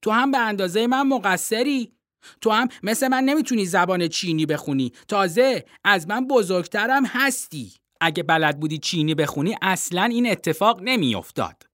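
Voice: mid-range voice, lively intonation, fairly bright tone, no echo, clean studio sound, voice pushed up, lightly acted. A storybook reader voicing an earnest, argumentative young schoolboy, pleading and defensive. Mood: insistent. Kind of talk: storybook reading.

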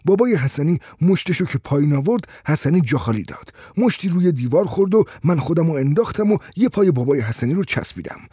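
A man reading a story aloud with steady, tense pacing. His voice is mellow and dark with a husky texture, and it sounds close and dry. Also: fairly high pitch, hardly any pauses, no echo. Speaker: narrator. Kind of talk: storytelling narration.

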